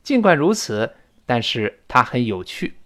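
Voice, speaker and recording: Animated male English teacher. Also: medium pitch, unhurried. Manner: spells words letter by letter and drills pronunciation; explains in Chinese with English example sentences. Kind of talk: spoken English lesson.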